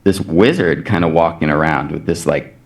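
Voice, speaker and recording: A man with a low voice talks over a video call as a guest on a podcast. He tells a long personal story with energy, acting out each quoted exchange as he goes. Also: normal speed. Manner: animated retelling with many quoted exchanges. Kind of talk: anecdotal storytelling in casual chat.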